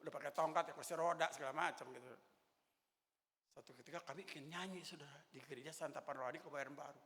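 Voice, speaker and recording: A man in his sixties preaching a sermon in church, animated and joking as he tells stories. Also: fairly high pitch, fast. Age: 60s. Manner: animated, joking storyteller with laughter. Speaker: pastor. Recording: echoey church hall.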